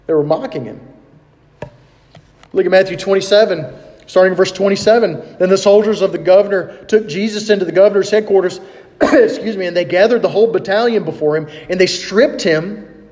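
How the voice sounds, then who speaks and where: Guy preaching a sermon, kinda high mellow voice, chatty, asks the crowd questions, long hall echo. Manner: conversational preaching with rhetorical questions and reading scripture aloud. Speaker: pastor.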